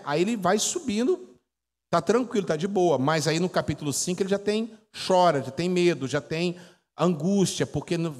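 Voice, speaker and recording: A Brazilian man in his forties, a pastor giving a chatty teaching sermon, telling stories and quizzing his congregation. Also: high-pitched. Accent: Brazilian Portuguese. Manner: chatty storytelling, quizzes the audience. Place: church hall. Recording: echoey church hall.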